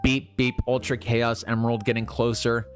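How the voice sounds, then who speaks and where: A man voicing a male robot car that speaks in a flat, robotic, beeping way, telling an amateur story over faint music. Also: medium pitch, moderate pace, natural voice. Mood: alerting.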